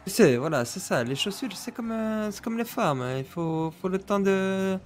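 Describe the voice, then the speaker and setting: A man's voice: high voice, animated, normal speed, slight background noise. A man in a game role-play, joking in a playful, sing-song way.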